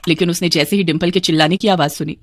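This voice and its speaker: A woman narrating a dramatic story in an expressive, scripted way. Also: lowish voice, fast, slight background noise.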